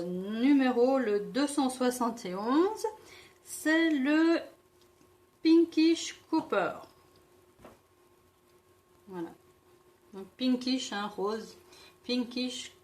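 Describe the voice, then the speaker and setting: French lady going slow through her makeup haul, tripping on names and redoing them. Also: on the high side. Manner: hesitant, stumbling over product names and self-correcting. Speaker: beauty vlogger. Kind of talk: casual product review.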